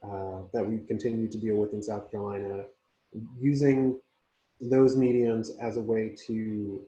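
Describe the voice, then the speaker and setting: A man speaks over a conference call line that sounds dull and muffled, with a roomy echo around his voice. His delivery is slow and halting, with many pauses, and his tone is mellow and soft-edged. The call audio keeps breaking up. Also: fairly low pitch, little pitch movement. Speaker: community organizer. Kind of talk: speaking as a guest on a panel.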